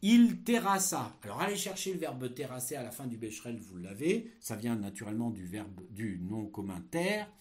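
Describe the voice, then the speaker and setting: A male teacher dictating in drawn-out, emphatic phrases, explaining the grammar and posing questions as he goes. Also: on the low side, big pitch swings. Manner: didactic, poses rhetorical questions. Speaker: French teacher giving an exam dictation.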